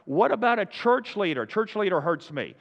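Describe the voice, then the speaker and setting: A pastor preaching a conversational sermon to his congregation, talking fast and checking in with them often. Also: high-pitched, sing-song, vocal fry, long reverb tail, lo-fi sound. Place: church sanctuary.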